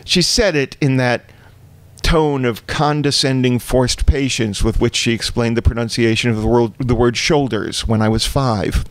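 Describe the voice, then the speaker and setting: A man's voice: mid-range voice, moderate pace, no room sound. Guest storyteller, male, dry close sound, wry and precise comic reading. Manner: wry, precise and wordy delivery.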